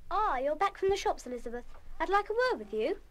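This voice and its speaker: A woman's voice: very high-pitched, sing-song, fast talker, fairly bright tone, heavily acted. An actress playing a bossy senior schoolgirl monitor in a children's radio play, speaking in an emphatic, prefect-like way. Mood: stern, scolding. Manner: scolding, emphatic. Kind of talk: 1970s full-cast children's radio play acting.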